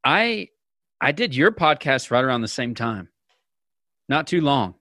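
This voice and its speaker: A man's voice: mid-range voice, sing-song, a little slow, sharp tone, no room sound. A man co-hosting a podcast, chatting casually and teasing his friends playfully. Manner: playful teasing, mock hype-man delivery. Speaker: podcast co-host. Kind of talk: casual chat.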